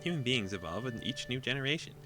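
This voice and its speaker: A man's voice: medium pitch, lively intonation, fast talker, bright, forceful tone, faint music behind, pitched above the performer's own voice. A man voicing a stern, competitive schoolgirl in a game, speaking in a formal, matter-of-fact way. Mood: lecturing.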